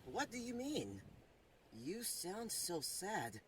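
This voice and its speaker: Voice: mid-range voice, huge pitch swings, takes it slowly, a little hiss or hum. A performer playing a cocky, carefree young male blue hedgehog hero in a cartoon comic dub, talking in a breezy, teasing, slangy way. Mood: concerned. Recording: loud music behind the voice. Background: music.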